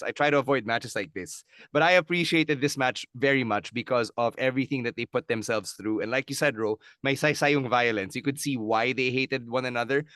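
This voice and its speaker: Man, podcast co-host; smooth clear voice, dry recording, lively anecdote delivery. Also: mid-range voice, no echo. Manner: animated storytelling, mixes in Tagalog. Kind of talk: casual podcast chat.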